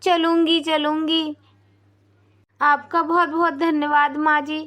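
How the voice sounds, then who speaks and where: A woman voicing a gentle, grateful young woman who has lost her memory, talking softly, politely and earnestly in a cartoon. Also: high-pitched, flat delivery, slow pace. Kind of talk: cartoon voice acting.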